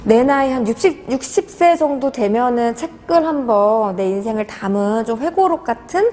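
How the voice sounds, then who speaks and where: A woman's voice: a little high, expressive, moderate pace, dark tone, big-room sound, slight background noise. A woman in her forties, an author answering interview questions in an earnest, hesitant way with many fillers. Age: 40s.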